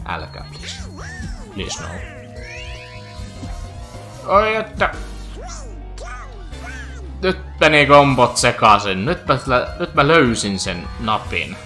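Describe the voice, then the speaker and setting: Man narrating his own gameplay, low-ish voice but bright and animated, faint game music underneath. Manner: chatty, joking running commentary with playful asides. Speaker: video game streamer. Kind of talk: let's play commentary.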